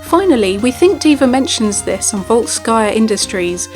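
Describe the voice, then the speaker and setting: Woman narrator, scripted game video, higher-pitched voice, background music. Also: lively intonation, moderate pace. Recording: music behind.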